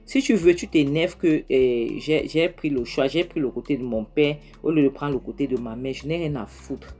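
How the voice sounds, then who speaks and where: Brief: defiant young woman, played by a woman, dismissive and stubborn, low voice. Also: moderate pace, warm tone.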